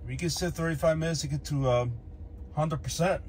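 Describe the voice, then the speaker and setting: A man vlogs a road trip from inside his car, chatting casually and thinking aloud with small fillers as car road noise runs in the background. His voice is on the high side and brisk.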